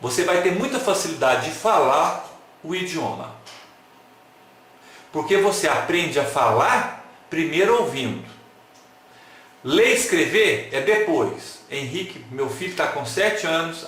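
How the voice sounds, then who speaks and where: A slightly high, slightly slow male voice leads an online talk as a lecturer, animated and playful, joking around and putting questions, some rhetorical, to his listeners. It's recorded in a very echoey room.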